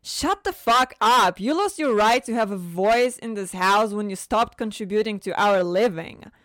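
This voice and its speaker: A woman voicing a fierce, blunt mother who scolds in sharp outbursts. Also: medium pitch, expressive, normal speed, no room sound, lightly acted. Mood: furious. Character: fierce protective mother, foul-mouthed and blunt.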